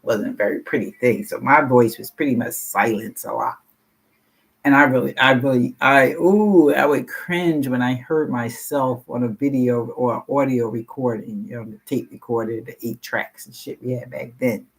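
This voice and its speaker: A woman in her sixties with a deep, low, husky voice rambles frankly through a personal share at a support meeting, swearing casually along the way. She talks at a normal speed, and the audio quality is poor.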